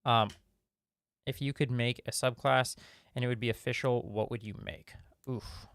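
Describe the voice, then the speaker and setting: A man's voice: medium pitch, fairly even intonation, normal speed, a bit bright, clear, resonant tone, no room sound. A man hosting a casual live-stream Q&A, reading viewer questions and rambling through his answers with lots of fillers and restarts.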